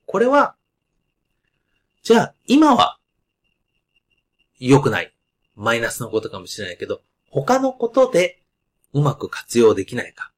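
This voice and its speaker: A man hosting a podcast with a loud, carrying voice, explaining ideas in a casual monologue full of asides and fillers. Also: mid-range voice. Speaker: podcast host.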